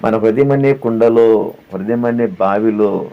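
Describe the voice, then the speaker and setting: Low-pitched, gravelly and measured, a male pastor preaches a sermon, putting questions to his listeners, repeating phrases and singing lines from hymns. The audio is dull and lo-fi with faint background sound.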